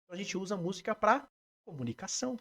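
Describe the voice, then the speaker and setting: A man with a Brazilian Portuguese accent, a music therapist being interviewed, explaining his work in a lively way and breaking into short sung examples. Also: high voice, very fast. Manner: animated, demonstrates by singing snippets.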